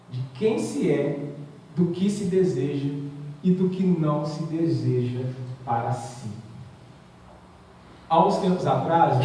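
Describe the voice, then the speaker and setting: Man, seminar speaker, fairly high mellow voice, storyteller who acts out quotes, picked up from far off in a hall with long reverb. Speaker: lecturer at a spiritist seminar. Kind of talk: spiritual seminar talk with storytelling. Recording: echoey hall, voice from far off, faint noise.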